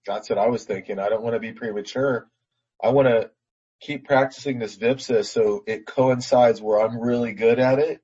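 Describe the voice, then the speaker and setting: A man's voice: medium pitch, steady tone, normal speed, warm tone, breathy edge, dull audio. A man being coached on a call, answering earnestly and often restarting his phrases. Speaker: team leader being coached. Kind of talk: call conversation.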